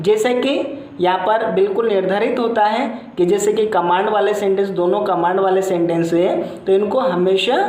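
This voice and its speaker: A woman teacher explaining a lesson step by step and slowly repeating example sentences. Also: mid-range voice, darkish tone. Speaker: English teacher. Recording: echoey room.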